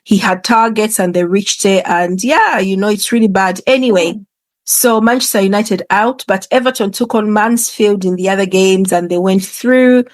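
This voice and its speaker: A woman's voice: mid-range voice, moderate pace, dry recording. Woman giving casual, informal football commentary. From England. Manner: informal, conversational, hesitant asides. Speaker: football podcast host.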